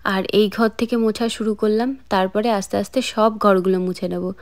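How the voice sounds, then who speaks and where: A woman's voice: mid-range voice, steady tone, normal speed, a little mellow. A woman from India, narrating a casual home vlog as a mother and chatting to viewers as she points things out. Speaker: vlogger and mother. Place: family home.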